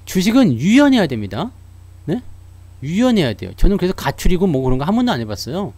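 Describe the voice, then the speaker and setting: A man talks stocks with his viewers in a loose, chatty way, often breaking into laughter. His voice sits somewhat high and swings widely in pitch. The sound is dry, with no room around it. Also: very animated, fast, darkish tone, breathy edge, dry recording. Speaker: stock market commentator. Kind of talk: casual talk to viewers.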